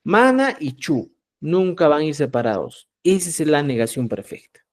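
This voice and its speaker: A man teaching a live online language class, speaking slowly and with emphasis, and often checking whether the students follow. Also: on the high side, very animated. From Peru. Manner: checks understanding with repeated "¿ya?"; slow, emphatic drilling of example words.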